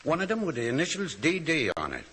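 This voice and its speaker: A man's voice: a little high, wildly swooping pitch, a bit bright, breathy edge, heavily acted. An actor playing a dim-witted, eager police officer in a 1940s radio comedy, muddled in his words. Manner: slow, muddled.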